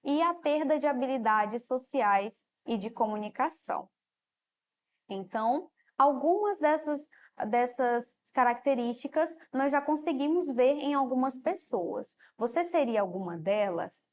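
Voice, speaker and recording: A woman with a Brazilian Portuguese accent, teaching a televised classroom lesson and explaining step by step, often closing phrases with a softer "ok?". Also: high-pitched, animated, measured pace. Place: studio.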